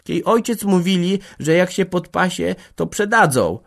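A man doing a sharp, stubborn peasant girl. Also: high-pitched, lively intonation, unhurried, vocal fry, voice pushed up, full character voice. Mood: insistent. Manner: sharp, insistent.

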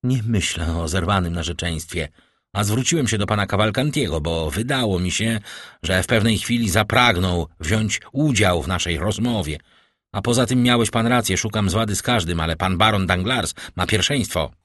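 A man's voice: fairly low pitch, moderate pace, a bit bright, dry recording, clean studio sound. A male narrator voicing a proud, angry young nobleman who speaks coldly and challengingly. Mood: bitter accusing. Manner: cold, challenging.

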